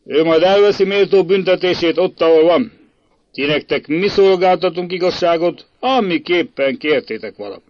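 A man voicing an angry, stern prince who scolds loudly and commands. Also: a little high, expressive, no echo, voice pushed up, natural voice. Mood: stern scolding. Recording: dull lo-fi dry recording.

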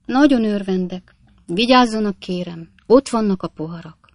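A woman's voice: mid-range voice, no room sound, clean studio sound, natural voice. A woman voicing a cheerful young male medical student who eagerly welcomes guests in a bustling, raised voice. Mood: hearty welcoming.

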